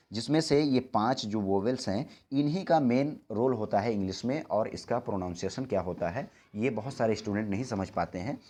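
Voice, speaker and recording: A young man with a fairly low voice teaches English in Hindi. He keeps repeating his reminders and slows almost to a crawl when he spells out examples letter by letter. He stops to fix his own small slips along the way. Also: warm tone. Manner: patient, repetitive teacher. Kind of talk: Hindi-language English lesson.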